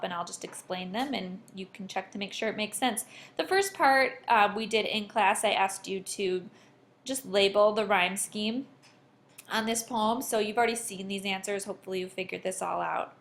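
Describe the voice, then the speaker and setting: A woman's voice: medium pitch, moderate pace, a bit bright. A woman teacher talking her class through a homework worksheet over a screen recording, explaining each answer and reading examples aloud with exaggerated stress.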